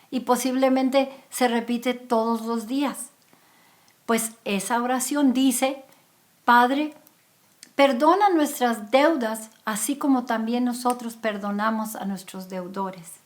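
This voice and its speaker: A woman preaching a sermon, retelling a parable and acting out its characters. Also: a little high. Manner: storytelling, acting out the characters' pleas and anger. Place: church.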